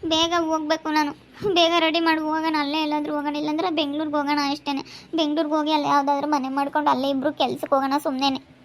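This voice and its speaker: A woman's voice: high voice, monotone, very fast, slight background noise. A woman playing a tearful young wife who pleads to go back to her village. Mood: tearful pleading. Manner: weepy, pleading. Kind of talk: village skit acting.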